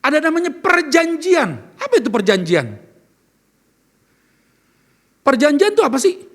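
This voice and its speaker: During a church service, a pastor preaches earnestly, posing questions to the congregation as he goes. His very high voice is sing-song, a bit bright, and fairly quick.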